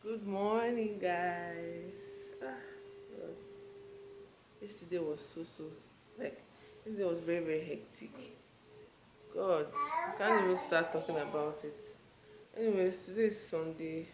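A woman's voice: fairly low pitch, a little slow, long pauses. A young Nigerian woman with a Nigerian accent, chatting casually to her camera in a hotel room. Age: young adult. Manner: chatty and relaxed, loose run-on talk. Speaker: vlogger. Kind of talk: casual vlog talk to camera. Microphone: handheld camera mic at arm's length. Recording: roomy with clear background noise.

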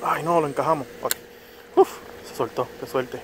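With a fairly high pitch and moderate pace, a young angler mutters to himself while filming his fishing at a small pond among trees, breaking into excited bursts when a fish hits. He uses a head- or chest-mounted action camera, and the outdoor recording is low quality with faint background noise.

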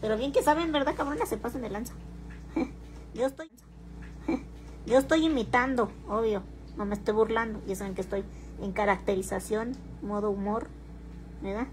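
A woman's voice: a little high, moderate pace, pauses often, a little hiss or hum, rough recording. A woman chatting casually on a stream, teasing and defensive, with crude slang. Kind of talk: casual livestream talk.

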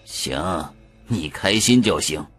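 A man voicing a gruff old male exorcist who talks in curt, scoffing lines. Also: low voice, expressive, takes it slowly, a bit bright, faint music behind, exaggerated voice.

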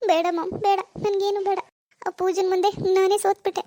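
A woman's voice: very high voice, little pitch movement, fast talker, warm tone, no echo. A woman voicing a tearful young married daughter in a cartoon, complaining and full of self-pity. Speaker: grieving daughter. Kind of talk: cartoon voice acting.

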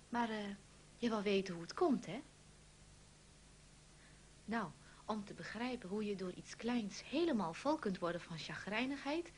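A woman narrating a story for children, gently asking the young listener questions. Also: mid-range voice, a little hiss or hum.

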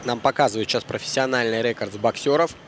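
A man giving live boxing commentary in short, halting phrases with repeats. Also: medium pitch, noisy background.

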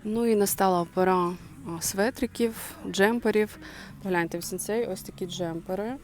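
A woman's voice: mid-range voice, moderate pace, a little mellow, soft background music. A woman chatting to her viewers while browsing a clothing and home goods store, thinking aloud in a casual shopping vlog. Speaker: shopping vlogger.

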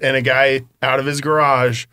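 A man's voice: mid-range voice, flat delivery, moderate pace, pushed and bright, clear, resonant tone, no echo, studio quality. A man hosting a podcast, telling stories with enthusiasm in a casual chat. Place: small studio with several guests. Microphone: studio mic on boom arm with headphones.

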